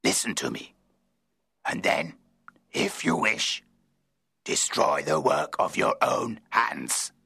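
A man voicing a wretched, menacing man-made monster in a dramatised audiobook, pleading slowly in a rasping, bitter voice. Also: low voice, huge pitch swings, sharp tone, no echo, heavily acted. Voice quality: gravelly, rasping. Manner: slow, heavy, emotional pleading.

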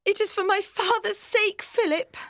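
A woman's voice: high voice, big pitch swings, a little slow, no room sound, clean studio sound, pitched above the performer's own voice. A woman voicing an emotional, pleading young girl. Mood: upset.

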